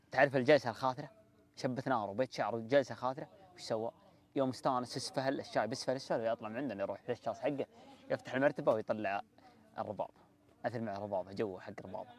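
A young man speaks in a Bedouin Saudi Arabic accent at a quick clip. His delivery is casual and conversational, like someone telling stories to friends, with polite address phrases sprinkled through. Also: medium pitch, darkish tone. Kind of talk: casual chat and storytelling. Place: walled set with artificial grass, seated group.

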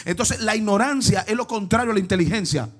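A male pastor preaches in a high, bright-pitched voice. He swings between near-whispered asides and loud shouted exclamations. He keeps asking the congregation questions as he goes. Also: fast talker. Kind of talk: lively Pentecostal sermon.

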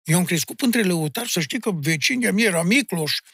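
Animated, husky-voiced Romanian man from Maramureș. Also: sits high, dry recording, clean studio sound. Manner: animated storyteller, addressing the host bluntly with "mă" and "domne"; insistent, emphatic. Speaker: guest, folk singer and music teacher. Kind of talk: casual podcast conversation.

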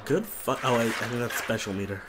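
Joking man with loud noise behind. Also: mid-range voice, fairly quick. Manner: joking, playful, sarcastic asides. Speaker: let's play co-host. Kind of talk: casual gaming banter.

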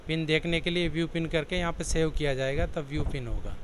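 A man with a slightly high voice walks through a computer program option by option, in a plain, explanatory way. A faint hum of background noise sits under his voice. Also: brisk, a bit bright, rough recording. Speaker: software tutorial presenter. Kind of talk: step-by-step screen walkthrough.

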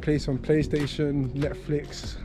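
Young male vlogger, relaxed slangy chat, slightly high voice, faint music bed. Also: takes it slowly. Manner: laid-back slang-heavy chat. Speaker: vlogger, professional footballer. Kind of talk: casual vlog talk to camera.

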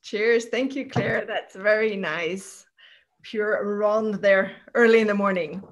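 A woman's voice: mid-range voice, steady tone, slow pace. A woman hosting a video call toast, welcoming guests one by one with many hesitant fillers. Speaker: host.

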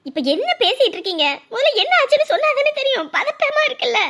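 A woman's voice: high voice, expressive, fast, a bit bright. A woman playing a caring young wife who reassures her husband, sometimes scolding, in a serial-style drama. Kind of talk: TV serial acting.

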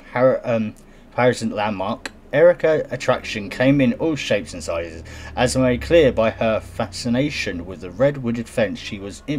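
A man with a medium-pitched, somewhat dark voice comments casually on a news story, giggling and making sarcastic jokes while frequently stumbling over words as he reads aloud. There's slight background noise.

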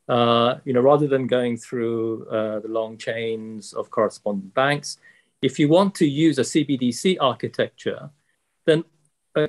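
A man in his sixties speaking as a panelist on a video call, measured and polite, with many fillers. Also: mid-range voice. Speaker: panelist, central bank economist. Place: office with logo backdrop.

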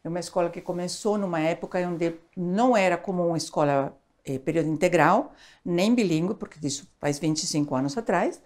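This is a casual interview with an older Argentine child education expert, recorded via lapel mic while she sits on a sofa in a small studio. She speaks fairly quickly in a lowish voice, animated and gesturing a lot, often ending with tag questions.

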